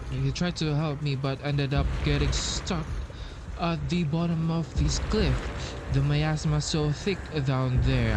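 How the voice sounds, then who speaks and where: A man reading aloud the lines of an anxious stranded traveler pleading for help, in a plain, unhurried voice. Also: mid-range voice, noisy background, lightly acted. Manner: plain, unhurried read-aloud of game dialogue.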